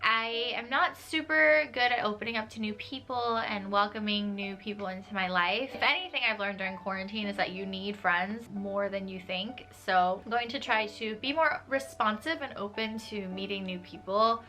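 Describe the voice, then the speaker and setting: Her voice is medium-pitched, bright and forceful, moving at normal speed with few pauses. The young New York vlogger chats casually to camera from her small bedroom with desk and tapestry, laughing lightly and peppering her talk with "like."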